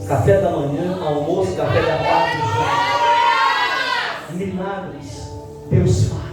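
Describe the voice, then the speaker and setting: A male pastor from Ceará, preaching a testimony sermon and acting out dialogue with dramatic slowdowns. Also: high-pitched, steady tone, recorded from a distance, over loud music, over a noisy crowd. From Ceará, Brazil. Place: church. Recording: echoey church hall, mic from afar.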